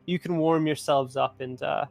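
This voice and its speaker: A man's voice: fairly high pitch, steady tone, normal speed, creaky, a little mellow, no echo. A man voicing a charming, lean woman innkeeper in a tabletop game, coaxing and stammering over his words. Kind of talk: game master voicing a character.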